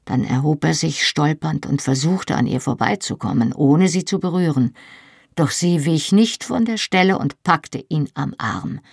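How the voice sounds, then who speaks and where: A woman reads a novel aloud in a calm, measured way. Her voice is low and husky, and the recording is close and dry with no room sound. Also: no room sound. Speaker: audiobook narrator. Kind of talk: scripted narration.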